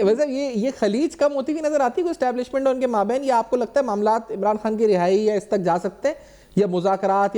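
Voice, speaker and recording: Mellow-voiced male talk show host. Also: high voice. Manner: long, layered questions with fillers. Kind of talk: studio talk show interviewing.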